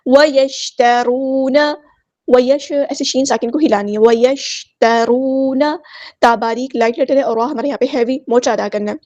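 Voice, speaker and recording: High-voiced woman teaching Quran recitation. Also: a little mellow, no room sound. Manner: slow, deliberate chanting of verses, then patient step-by-step explanation. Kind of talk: tajweed lesson with slow recitation.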